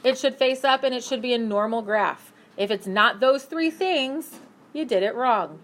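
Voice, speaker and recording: A woman teaching a math class, brisk and upbeat, asking her students questions as she works through problems. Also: fairly high pitch, fairly bright tone. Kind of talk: classroom lesson.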